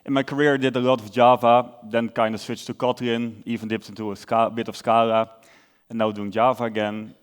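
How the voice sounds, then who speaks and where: This young man from the Netherlands presents a conference talk in a Dutch accent, relaxed and explanatory, with filler "uhs" and self-corrections. His tone is clean, his pitch medium and his pace a little fast.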